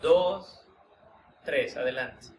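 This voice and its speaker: A man leading a live workshop, walking listeners through a guided mindfulness exercise in gentle, unhurried instructions with pauses. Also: on the high side. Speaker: workshop leader. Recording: roomy hall sound, distant mic, background noise.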